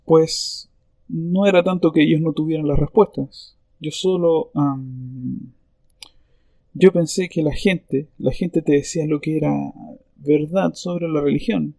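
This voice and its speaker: A man answering interview questions in a thoughtful, reflective way, with hesitant pauses. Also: fairly high pitch, fairly even intonation, vocal fry, dark tone, no room sound. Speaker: interview guest.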